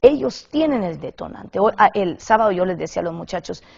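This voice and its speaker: Husky creaky-voiced woman preaching. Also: medium pitch, lively intonation, a little fast, darkish tone. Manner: emphatic, repeats words for stress. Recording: slightly muffled lo-fi recording.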